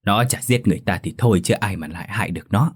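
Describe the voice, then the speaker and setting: Older husband in a spoken ghost story, low and steady, quietly reassuring, played by the male narrator; husky voice. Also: quick pace. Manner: soothing, matter-of-fact. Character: older village husband, gruff but calming.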